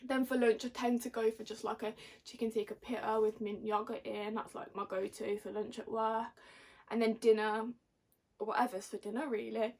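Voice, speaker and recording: A woman's voice: on the high side, little pitch movement, moderate pace, darkish tone. A young Englishwoman chatting casually to camera in a giggly, tipsy, rambling and slangy way. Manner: rambling, slangy, self-mocking. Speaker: vlogger.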